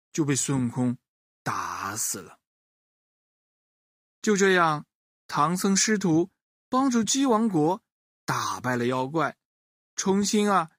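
A man's voice: a little high, a bit bright, husky, no echo, studio quality. Guy reading a kids' story, bouncy sing-song voice, talks right to the little ones. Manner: talks to the young listeners directly and quizzes them. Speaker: children's storyteller. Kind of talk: bedtime story narration for children.

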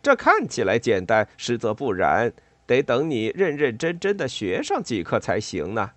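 A man doing a bossy, lively water rat. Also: medium pitch, normal speed, dry recording. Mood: amused. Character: cheerful male water rat, confident boatman.

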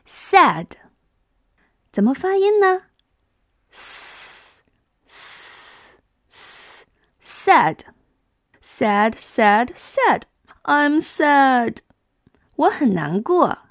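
Woman, young adult, children's English teacher, high bouncy voice, coaxing, drawn-out sounds. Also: very animated, dry recording, studio quality. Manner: coaxing, drawn-out demonstrative phonics. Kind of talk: children's language lesson.

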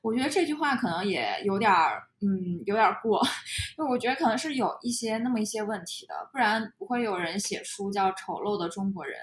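A woman from China, co-hosting a podcast and talking in a reflective, measured, casual way. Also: medium pitch, lively intonation. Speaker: podcast co-host. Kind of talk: casual conversation. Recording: echoey room.

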